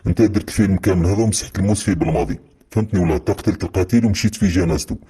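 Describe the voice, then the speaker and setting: Heated Algerian man, very deep voice. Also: rapid-fire, mellow, husky. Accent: Algerian Arabic. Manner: heated, accusatory, repetitive rant. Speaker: commentator on football affairs. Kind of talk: impassioned monologue.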